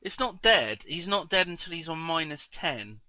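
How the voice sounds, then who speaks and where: An excitable man narrates a tabletop game in a high, animated voice. He is sweary and amused, with comic banter between the rulings. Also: moderate pace, no room sound. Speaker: game master.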